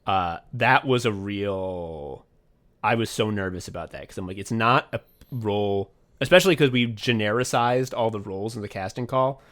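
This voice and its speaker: Talking at a fairly low pitch, a man co-hosting a podcast casually revisits writing and directing an audio drama. He rambles, swears a lot, keeps saying "like," and gets excited in quick spurts.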